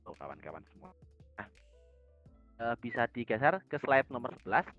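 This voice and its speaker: A man with an Indonesian accent teaching an online language lesson, explaining calmly and reading dialogue lines slowly. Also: faint music behind. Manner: reads dialogue lines slowly with a raised pitch; explains calmly to the group in a casual way. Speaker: Arabic teacher. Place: voice chat on a community server. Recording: dull lo-fi voice chat audio.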